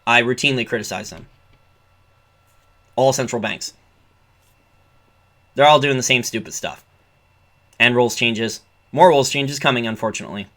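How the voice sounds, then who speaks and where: Man, bright tense voice, sarcastic finance commentary, reads a report aloud. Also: mid-range voice, normal speed, pauses often. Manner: sarcastic, ranting asides. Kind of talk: solo commentary reading a report.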